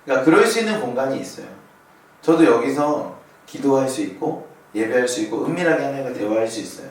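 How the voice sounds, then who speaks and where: A man's voice: medium pitch, very animated, fast. A man in his thirties preaching a sermon as a pastor, telling a personal story and putting questions to the congregation. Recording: very echoey hall, voice from far off.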